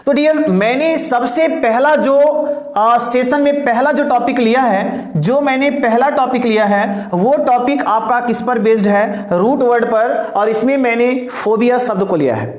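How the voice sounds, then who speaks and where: A little slow and very high-voiced, a man gives an English vocabulary lesson, the recording echoey. He addresses his listeners as "dear", answers the questions he poses, restates things, and leads call-and-response pronunciation drills.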